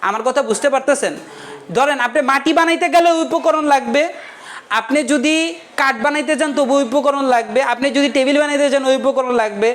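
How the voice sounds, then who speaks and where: Male teacher with a high, quick voice. Jokes and keeps checking that the class follows. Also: a bit bright. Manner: joking, keeps checking the class understands, asks rhetorical questions. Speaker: economics teacher. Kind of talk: casual joking lecture.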